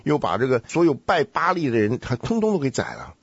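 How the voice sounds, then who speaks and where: A man's voice: medium pitch, huge pitch swings, a little fast, breathy edge, dry recording, highs cut off. A man hosting a casual Bible study chat, teasing and quizzing his co-host and laughing often.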